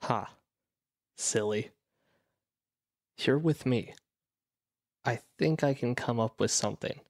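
Brief: a gentle, playful partner, unhurried, dry close audio drama. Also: male voice, medium pitch, no echo. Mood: tender. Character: Logic, a devoted, witty musician partner.

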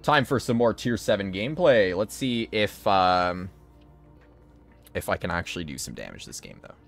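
A man's voice: low-pitched, lively intonation, moderate pace, gravelly, a bit bright, faint music behind. A male game streamer chatting casually on a live stream, his voice strained and tired, laughing and answering chat in slangy talk.

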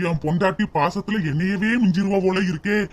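A man's voice: high-pitched, brisk, natural voice. A man voicing an earnest, naive young husband in a cartoon. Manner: eager, naive. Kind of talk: cartoon voice acting.

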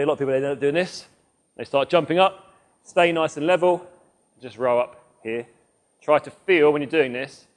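Male coach demonstrating a workout. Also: on the high side. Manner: instructive, demonstrates moves while talking. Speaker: fitness coach. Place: large gym indoors. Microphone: lapel mic.

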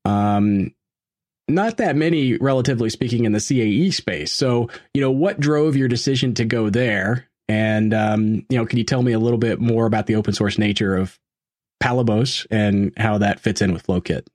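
A man hosting a podcast and interviewing a guest in a casual way. He talks with many fillers and quick asides. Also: on the low side, darkish tone, dry recording, studio quality.

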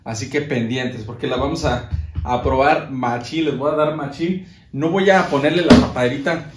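A man with a Mexican Spanish accent talks in a mid-range voice through a casual show-and-tell of sound gear. His delivery is relaxed and chatty. He stops and restarts his phrases often as he handles the equipment. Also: medium pitch, normal speed.

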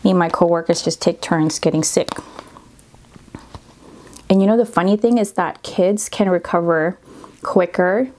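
A woman's voice: lowish voice, moderate pace, pauses often, a little mellow. A woman vlogging while eating on camera, getting over a cold, chatting casually between bites and murmuring at the food. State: recovering from a cold, slightly congested. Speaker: mukbang YouTuber.

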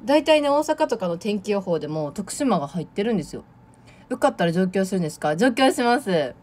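A young woman from Tokushima, still in her teens, talks in a relaxed Kansai accent with a hint of Awa dialect. She chats on a livestream in a bubbly way and reads out viewer comments. Her voice sits at an ordinary middle pitch for a woman. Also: brisk. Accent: Kansai Japanese with Awa dialect touches. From Tokushima, Japan. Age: late teens. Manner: chatty and bubbly, often laughing. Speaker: idol audition livestreamer. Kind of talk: casual livestream chat reading viewer comments.

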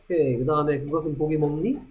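A man teaching English in a classroom, slowly repeating English phrases after Korean prompts. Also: fairly high pitch, steady tone, darkish tone. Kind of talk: classroom drill lesson.

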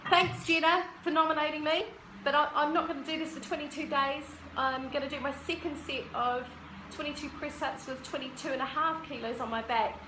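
A woman's voice: high voice, fairly even intonation, fairly quick. A woman in her thirties chatting casually to camera as she introduces a fitness challenge. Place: medium-sized indoor gym. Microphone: phone on the floor a short distance away. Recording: echoey gym with clear background noise.

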